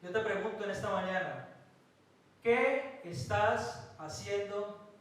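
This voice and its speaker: Male pastor from Colombia, higher voice, emphatic sermon delivery, recorded from a distance in a church hall. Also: a little hiss or hum. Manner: preaching with emphatic pauses and rhetorical questions.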